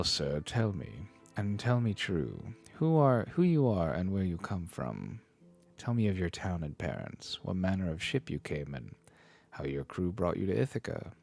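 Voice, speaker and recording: A man's voice: sits low, creaky, darkish tone, heavily acted. A man reading an earnest young prince. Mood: questioning. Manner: earnest, read-aloud delivery. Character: young man, anxious prince questioning a guest. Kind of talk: reading a classic epic aloud on stream.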